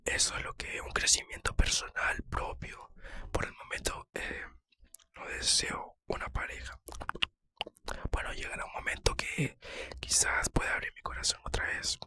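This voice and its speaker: A man speaking in a close-miked ASMR whisper, casually answering personal questions with hesitant, soft pauses.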